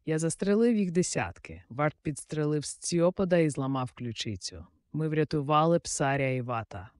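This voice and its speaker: A cocky young squire bragging about his deeds with studied calm, in a storybook reading, as a man plays him. The voice is raised a little in pitch and recorded dry and close. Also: moderate pace, no echo, natural voice. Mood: boastful.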